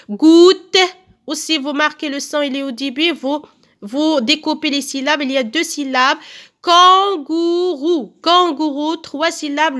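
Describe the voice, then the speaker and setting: Female primary teacher, high bright voice, unhurried, careful syllable-by-syllable delivery for young pupils. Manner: slow, careful, repeats words and claps out syllables. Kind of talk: recorded phonics lesson for children.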